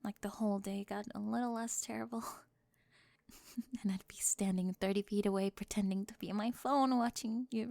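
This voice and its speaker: In an ASMR roleplay, a woman plays a teenage cheerleader bully who is flustered, defensive, and hiding a crush. Her fairly high, creaky voice halts and interrupts itself with nervous laughs, often sinking into whispers, with no echo.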